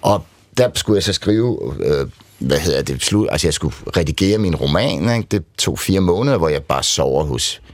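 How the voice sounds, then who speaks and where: Interview guest: middle-aged man, low voice, candid and rambling, dry close mic. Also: animated, no echo. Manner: candid, rambling, frequent "ikke?" tags. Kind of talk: conversational storytelling.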